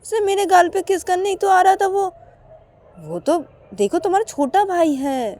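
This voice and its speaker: Easygoing sister-in-law, played by a woman: high-pitched, soothing, reasons calmly. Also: normal speed. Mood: coaxing.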